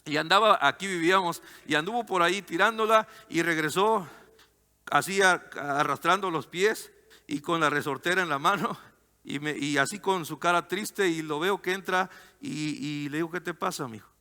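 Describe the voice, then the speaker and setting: Fervent pastor preaching in a reverberant hall. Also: male voice, fairly high pitch, normal speed, smooth. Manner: fervent, rising to loud emphatic cries; turns soft and tender in story parts. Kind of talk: sermon.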